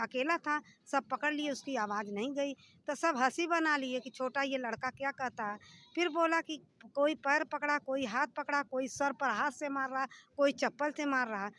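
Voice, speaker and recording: High-voiced woman pleading in distress. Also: a bit bright, a little hiss or hum. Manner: distressed, pleading, long run-on account. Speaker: interviewee, family member of the house owner. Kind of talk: on-the-spot news interview.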